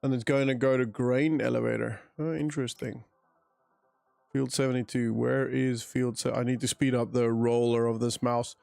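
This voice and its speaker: With a creaky, darkish mid-range voice that barely moves in pitch, a man from South Africa gives casual live commentary on a game at normal speed. He thinks aloud and answers chat in an accent mixing South African and British, recorded with no room sound and faint music behind.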